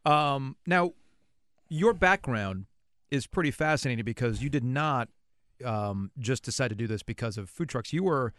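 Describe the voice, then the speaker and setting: A man's voice: mid-range voice, animated, normal speed, fairly bright tone, no room sound, studio quality. A man hosting a podcast, asking questions in a casual, chatty interview style.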